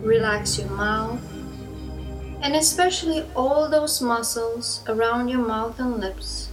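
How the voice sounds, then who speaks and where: A woman leads a hypnosis induction, speaking slowly and softly in a soothing, even manner. Her voice sits fairly high. New-age music plays clearly beneath her words. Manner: soft, slow, soothing instructions. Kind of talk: slow guided hypnosis induction. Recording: music bed behind the voice.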